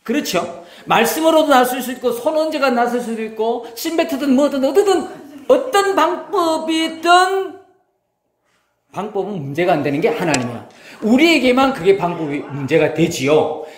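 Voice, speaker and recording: A man's voice: very high-pitched, fairly quick. A middle-aged man, preaching a sermon as pastor, talking with the congregation and acting out quotes. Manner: lively, talks with the congregation, acts out quotes. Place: church sanctuary. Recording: roomy church hall.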